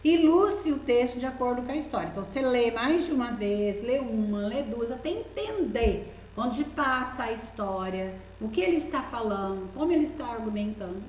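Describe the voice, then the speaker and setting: A woman's voice: fairly high pitch, animated, normal speed, few pauses, a little mellow, slight background noise. Patient Brazilian woman teacher, echoey room. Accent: Brazilian Portuguese. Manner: patient, coaxing, asks the child many questions. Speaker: primary school teacher. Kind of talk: recorded remote lesson walking through a workbook.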